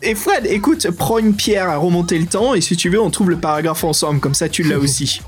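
A man with a French accent co-hosting a podcast in casual, excitable, slangy chat. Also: sits high, brisk, faint music behind. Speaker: podcast co-host.

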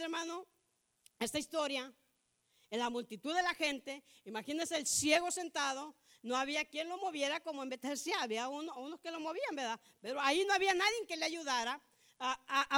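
Fervent high-voiced woman preaching. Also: pushed and bright. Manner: addresses listeners as brother again and again, rises to fervent outbursts. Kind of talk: sermon.

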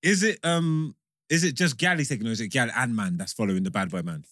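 A London man with a roadman accent who talks quickly at a medium pitch. His chat is casual and full of street slang. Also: fairly bright tone, dry recording, studio quality.

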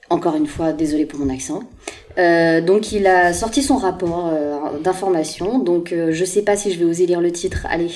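A woman's voice: on the low side, mellow. A woman co-hosting a casual news podcast, talking with frequent hesitations and fillers. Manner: hesitant, many fillers, self-deprecating. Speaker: podcast co-host presenting news.

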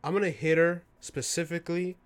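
A man's voice: a little high, steady tone, fairly quick. A man playing in a tabletop game, joking and hesitant, with many fillers. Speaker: player. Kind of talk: casual tabletop play.

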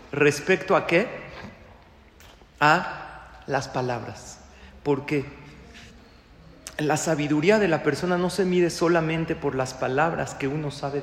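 A man giving a sermon as a rabbi, animated and joking, firing rhetorical questions at his audience. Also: on the high side, a little hiss or hum. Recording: echoey hall.

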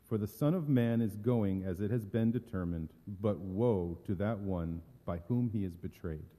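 A man playing a solemn, gentle Jesus in a dramatic scripture reading, measured, earnest and subdued. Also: fairly low pitch, natural voice. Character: Jesus, solemn, gentle teacher facing betrayal and death. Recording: echoey hall with long reverb.

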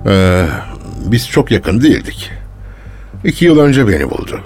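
An actor playing a defensive male archaeologist under police questioning, guarded and quick to take offence, in a radio drama. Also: lowish voice, very animated, darkish tone, soft background music. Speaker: suspect being questioned.

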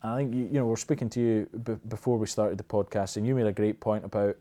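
A man's voice: lowish voice, fairly even intonation, fast talker, dark tone. A Scottish-accented man discussing football casually as a podcast panellist, rambling and restarting his sentences.

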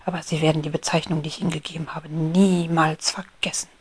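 A woman voicing an indignant little ant in a whispered storybook role-play, sharp and scolding. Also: deep voice, flat delivery, a little fast, husky, dry recording.

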